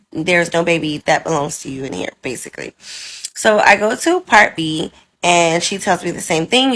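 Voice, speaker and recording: A mother telling a personal story casually to the camera, acting out the voices of the people in it. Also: lowish voice. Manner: animated, acts out the other people's lines in the story.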